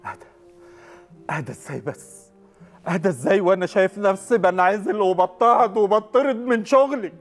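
A man's voice: high-pitched, a little fast, faint music behind. An actor playing a middle-aged father with an Egyptian accent, bitter and despairing over losing his job, breaking into choked, breathless outbursts. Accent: Egyptian Arabic. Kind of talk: Egyptian TV drama acting.

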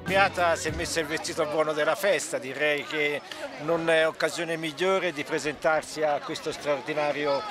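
A man's voice: on the high side, steady tone, normal speed, over music. A man speaking formally in an outdoor interview on a ski slope. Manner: formal, official-sounding. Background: crowd.

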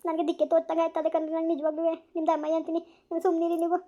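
A woman performs a village family drama role as an anxious, nagging yet caring mother, alternating between pleading and scolding. Her very high voice races along in a monotone but carries a warm tone.

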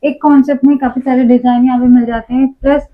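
A woman hosting a promotional shop video, explaining options to viewers with drawn-out fillers. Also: high-pitched, little pitch movement. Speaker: host presenting a wholesale shop. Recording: dull lo-fi sound.

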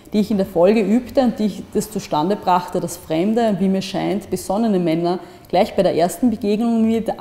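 Brief: a woman author reading literature aloud, calm and measured, mellow tone, roomy hall reverb. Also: medium pitch. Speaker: author reading at a public screening. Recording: echoey hall with long reverb.

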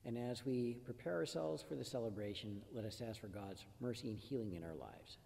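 A man leading Mass as a priest, reciting prayers and readings in a measured, solemn way. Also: medium pitch, animated, creaky, mellow. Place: church. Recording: echoey church from a distance.

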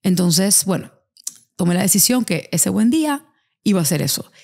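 In a casual podcast, a female host with a darkish, mid-range voice tells stories at a moderate pace, very animated. She performs the voices of whoever she's quoting as she goes.

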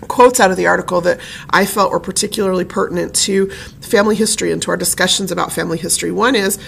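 A woman's voice: fairly low pitch, fairly even intonation, fast talker, creaky, fairly bright tone, slight background noise. A woman giving a conversational presentation on family history, chatty and personal, with frequent fillers.

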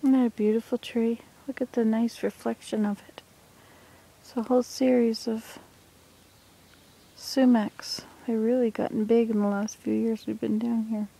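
Older woman musing softly from a kayak. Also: on the high side, level tone, normal speed, gravelly, poor audio. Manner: soft, musing, talks to the viewer while paddling. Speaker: vlogger. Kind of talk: relaxed nature vlog, partly whispered. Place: kayak on a small pond outdoors. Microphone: handheld phone camera at arm's length.

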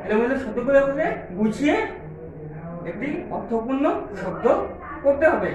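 A man's voice: extremely high pitch, normal speed. A man with a Bengali accent teaching English to small children, spelling words out letter by letter and checking after each one whether they follow. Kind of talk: slow, drilled English lesson for small children. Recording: echoey room, far from the mic, noisy crowd behind.

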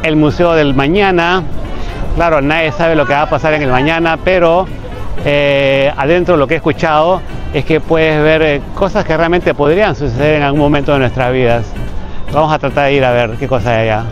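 A man's voice: a little high, steady tone, moderate pace, highs cut off. A man narrating a walking-tour vlog outdoors, chatty and repeating himself as he talks to viewers. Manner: chatty, repeats phrases, addresses viewers as "gente". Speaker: travel vlogger. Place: outdoors on busy city streets. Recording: street crowd and music behind.

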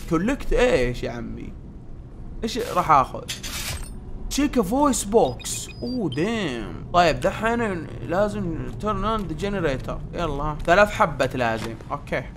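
Guy yelling through a horror game, high lively voice, noisy background. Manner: loud, jumpy and shouting, mixing Arabic and English. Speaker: gaming YouTuber playing a horror game. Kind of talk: excited let's-play commentary.

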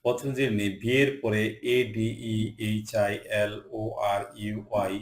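A man teaching English pronunciation, reading word lists slowly, one word at a time, with short rule explanations. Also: on the low side, steady tone, a little hiss or hum. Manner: slow, deliberate word-by-word drilling. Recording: echoey room.

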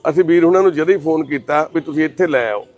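A man with a Punjabi accent speaking gently and reassuringly, with frequent religious invocations, then addressing viewers. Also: fairly high pitch, fast talker, highs cut off. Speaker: social worker speaking to camera. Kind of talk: consoling talk and direct address to viewers.

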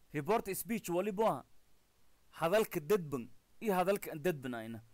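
A man with a Maay Somali accent teaching an English lesson. He reads the text aloud, then explains each word slowly and spells some of them out letter by letter. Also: high voice, no room sound. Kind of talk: recorded language lesson explaining and translating a text.

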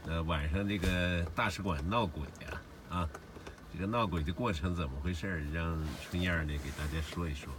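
A man's voice: low voice, brisk, background noise. A man hosting an interview, introducing his guest in a conversational way and prompting her to speak, recorded outdoors at a protest. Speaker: host interviewer.

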